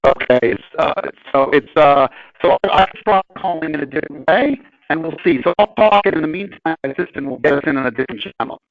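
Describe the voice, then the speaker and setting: A man with a slightly high voice talks through a lesson over an internet phone call. The line is dull, fuzzy and glitchy, with the audio breaking up in places. He explains in a plain, patient way and often checks in with his listeners. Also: lively intonation, fast, gravelly, no room sound. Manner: explains plainly with hypotheticals and frequent "okay?" check-ins. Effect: choppy, fuzzy internet phone audio that breaks up. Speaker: webinar presenter on employment law. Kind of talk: explanatory webinar talk.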